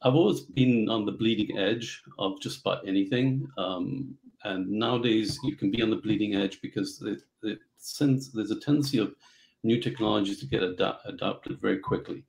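A middle-aged man from Central Africa, telling his story as a guest on a video call, halting with many fillers. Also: fairly low pitch, vocal fry, a little mellow, poor audio. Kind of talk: casual interview storytelling. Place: home office.

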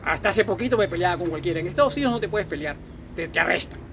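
A man's voice: high voice, expressive, racing, a bit bright, a little hiss or hum. A Peruvian man in his fifties with a Peruvian accent, delivering an angry political rant full of swearing and blunt scolding. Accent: Peruvian Spanish. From Peru. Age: 50s. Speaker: political vlogger.

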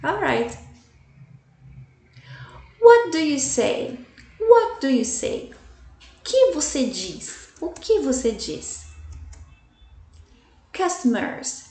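A woman's voice: high-pitched, big pitch swings, darkish tone. A woman teaching English vocabulary to Portuguese speakers, enunciating each word carefully and checking in with her students often. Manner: slow, careful enunciation with repeated examples. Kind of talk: slide-based language lesson. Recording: echoey room, voice from a distance.

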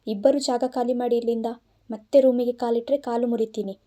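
A bossy, hot-tempered young wife in an audio storybook, voiced by a woman narrator, snapping out orders. The tone is mellow and a touch high, close to the reader's own. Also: steady tone, moderate pace, natural voice. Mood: angry. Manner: scolding and commanding. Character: fiery, bossy young wife, quick to scold.

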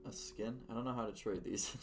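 A man's voice: on the low side, a little fast, creaky, soft background music. A man in casual banter with friends during an online game, teasing and laughing easily. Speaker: gamer streaming with friends. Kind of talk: casual gaming chat.

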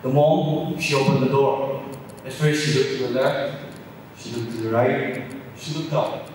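A man's voice: medium pitch, fairly even intonation, unhurried. Man, dramatic storyteller, repeats himself, faint room noise, long reverb. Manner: repetitive, dramatic, many restarts. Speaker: storyteller at a college fest. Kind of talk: folk tale storytelling. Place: large hall at a college event. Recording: echoey hall, mic far off.

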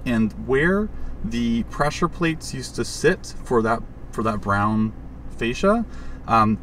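A man casually walking through the gear mounted in his truck cab, with lots of fillers and a rambling, relaxed manner. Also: medium pitch. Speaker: overlanding vlogger. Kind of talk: casual equipment walkthrough. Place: inside a parked truck cab. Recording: distant mic with audible background noise.

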